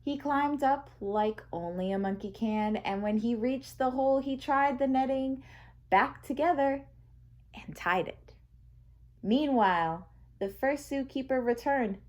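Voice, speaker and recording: In a high voice, a woman brings a children's picture book to life, reading it aloud with deliberate, expressive storytelling.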